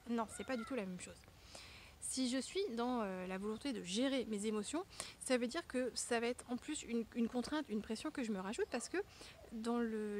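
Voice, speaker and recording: A woman's voice: fairly high pitch, slight background noise. A woman, a former sophrologist, giving frank personal-growth advice in a casual vlog, talking straight to the viewer with slang and the odd playful swear. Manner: lively, emphatic delivery with playful swearing.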